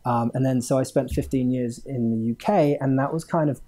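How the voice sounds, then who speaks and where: This casual interview features a game studio owner originally from Hong Kong, speaking as a guest with a warm, medium-pitched voice at a slightly quick pace. He wanders as he talks, using many fillers and laughing softly mid-sentence.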